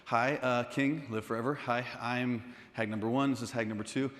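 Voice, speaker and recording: A man's voice: mid-range voice, moderate pace, close to an everyday voice. A man doing a nervous stammering hag woman. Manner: hesitant, stammering, excited. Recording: echoey hall.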